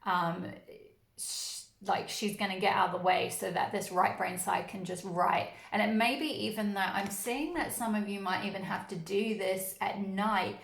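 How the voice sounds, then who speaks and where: A woman's voice: mid-range voice, steady tone, moderate pace, creaky. A woman from New Zealand with a New Zealand accent, giving a casual, rambling tarot reading with many fillers and restarts. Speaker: tarot reader. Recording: roomy echo.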